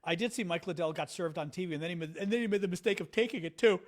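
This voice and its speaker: A man's voice: sits high, very fast. A man hosting a casual political commentary livestream from home, chatty and sarcastic, reading out comments from his chat. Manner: animated, chatty, sarcastic, reads chat aloud. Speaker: livestream host.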